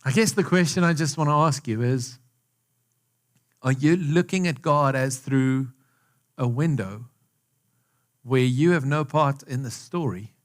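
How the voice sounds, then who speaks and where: The male voice is mid-range, a little slow, with frequent pauses. He is a South African pastor whose accent shows some American influence, giving a conversational sermon in a church hall where he questions the live congregation and repeats phrases for emphasis.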